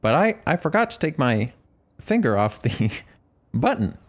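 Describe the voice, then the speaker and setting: A man's voice: mid-range voice, very animated, a little slow. A man co-hosting a casual podcast, telling stories in a rambling, self-interrupting way. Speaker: podcast co-host.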